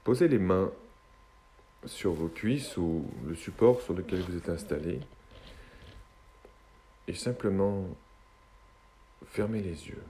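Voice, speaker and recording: A man guiding a hypnosis session in a slow, soothing hypnotist's manner, with long pauses between short phrases. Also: low-pitched, mellow.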